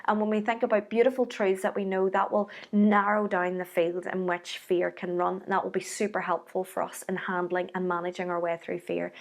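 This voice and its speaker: Earnest woman giving an encouraging sermon. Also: mid-range voice. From Ireland. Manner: earnest, encouraging, conversational teaching. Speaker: speaker giving a devotional message. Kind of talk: short sermon.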